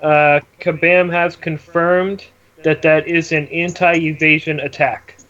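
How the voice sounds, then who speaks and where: A man's voice: fairly high pitch, level tone, slow pace, fairly bright tone. A man chatting casually as co-host of a gaming show. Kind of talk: casual chat. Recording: dull lo-fi voice chat audio.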